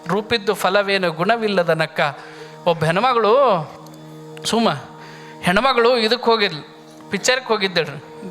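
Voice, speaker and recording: A man's voice: high voice, pushed and bright. A male preacher, giving a humorous sermon full of stories and acted-out quotes. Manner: storytelling with acted-out quotes and folksy asides.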